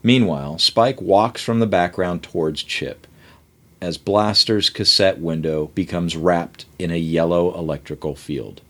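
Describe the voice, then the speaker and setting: A man hosting and narrating, reading the panel directions of a comic script aloud briskly. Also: deep voice, fairly bright tone. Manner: brisk, reads panel directions, laughs between lines. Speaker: host and narrator.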